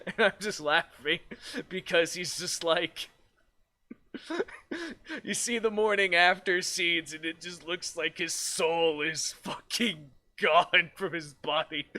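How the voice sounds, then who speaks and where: A man chatting on a livestream in a bright, forceful voice pitched a little high. He talks unhurriedly, rambles through restarts, curses freely and keeps breaking into laughter. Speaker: virtual streamer. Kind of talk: casual livestream chat.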